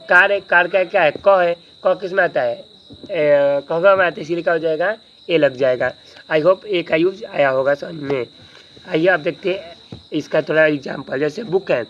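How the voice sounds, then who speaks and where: A male teacher runs a grammar lesson, firing questions at the class and answering them himself between quick jokes. His voice sits a little high. The recording is dull and lo-fi, with faint noise behind it. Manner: joking asides.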